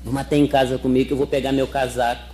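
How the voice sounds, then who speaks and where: A man voicing a night watchman who mutters low about the cold in a joke. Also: little pitch movement, rapid-fire, a little mellow, lightly acted. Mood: grumbling.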